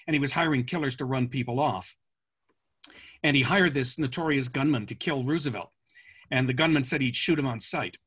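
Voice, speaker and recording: A man with a husky, slightly rough voice spins long, rambling anecdotes as an interview guest. He pauses often with "uh" and "um" and restarts his sentences, but keeps a relaxed storytelling flow at an ordinary pitch. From born in France, raised in Canada. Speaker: author guest.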